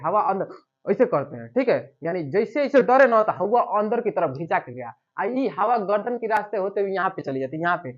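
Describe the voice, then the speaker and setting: A man's voice: high voice, fairly bright tone, dull audio. A man teaching a coaching class in with a tinge. He poses questions to his students, answers them himself, and keeps checking with "okay". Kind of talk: classroom lecture.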